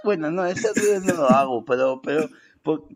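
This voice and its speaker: A man's voice: expressive, moderate pace, lightly acted. A man playing Ernesto, a giggly old vampire. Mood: rambling. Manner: rambling, giggly, breaks into squeaky put-on shouts. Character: boastful old male Spanish vampire, cheeky and rambling. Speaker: comic guest in character. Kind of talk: improvised comedy sketch.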